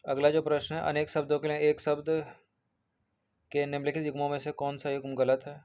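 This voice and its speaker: Brief: male exam coach, monotone delivery, walks through answers item by item and repeats them. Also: on the high side, fairly quick, muffled recording. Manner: explains point by point, repeats answers, checks in with 'ठीक है'. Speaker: exam prep teacher. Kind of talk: exam paper walkthrough.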